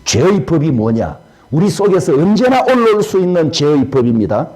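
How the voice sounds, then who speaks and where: A male pastor preaching. His voice sits high for a man and swings widely in pitch as he keeps asking the congregation questions. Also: moderate pace. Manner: animated, asks the congregation questions. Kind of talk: sermon.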